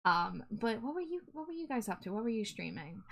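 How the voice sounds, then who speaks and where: A woman's voice: fairly high pitch, sing-song, a little fast, gravelly, a bit bright. A woman art streamer chatting casually to viewers on a livestream in a cute, friendly, appreciative manner.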